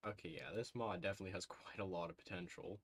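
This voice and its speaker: A man with a low, steady, fairly bright voice talks fast as he live-streams gameplay on a headset mic. He reacts to the game and thinks aloud to his chat, with plenty of "ooh"s and quick little laughs.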